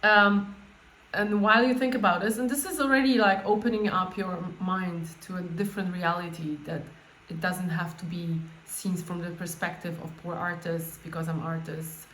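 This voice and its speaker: A woman coach leading an informal guided meditation, speaking off the cuff in a halting way and often rephrasing herself. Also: fairly low pitch, steady tone, a bit bright. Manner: halting, spontaneous, with repeated words and rephrasing. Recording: echoey room with faint background noise.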